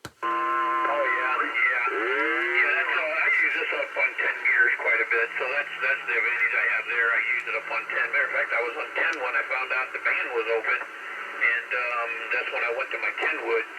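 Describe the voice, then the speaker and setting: A man's voice: medium pitch, fairly even intonation, normal speed. A man chatting casually over a CB radio from his home garage station, rambling in a folksy way with lots of fillers and restarts. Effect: heard over CB radio. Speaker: CB radio operator. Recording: distant CB radio signal, heavy static.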